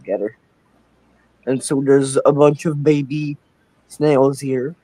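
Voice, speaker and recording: Over a low-quality, dry line, a young man from the Czech Republic slowly asks a live stream about his aquarium. His medium-pitched voice is level and mellow, and his hesitant speech keeps restarting and filling gaps.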